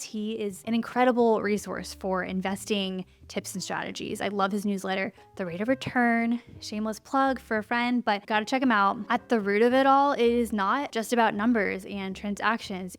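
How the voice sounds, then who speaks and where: A woman in her thirties who is pregnant and a little out of breath. She chats in a friendly, cozy way in a sit-down vlog and laughs often. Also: mid-range voice. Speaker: lifestyle YouTuber.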